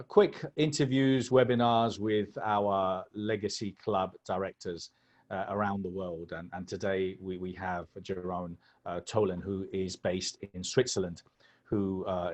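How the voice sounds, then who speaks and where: Low-voiced male interview host. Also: moderate pace, a little mellow. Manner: hesitant, repeats phrases. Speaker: host and founder. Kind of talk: interview hosting.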